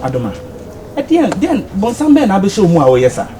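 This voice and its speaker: A man's voice: high voice, wildly swooping pitch, fast, a crowd in the background. A Ghanaian man acting a pestering young suitor, pleading and repeating his girlfriend's name. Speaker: lovesick suitor. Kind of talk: Twi film acting.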